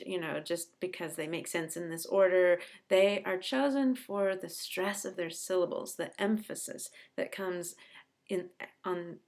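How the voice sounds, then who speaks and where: A middle-aged woman professor explaining a poem in a chatty, enthusiastic way, sounding out its rhythm aloud. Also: lowish voice. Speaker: literature professor. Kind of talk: explanatory lesson.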